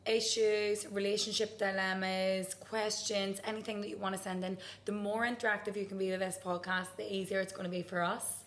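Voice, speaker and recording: A woman's voice: mid-range voice, level tone, brisk, few pauses, a bit bright. A young woman hosting a podcast, chatting casually with a friend, filling her talk with "like" and casual swearing. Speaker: podcast host. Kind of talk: casual chat.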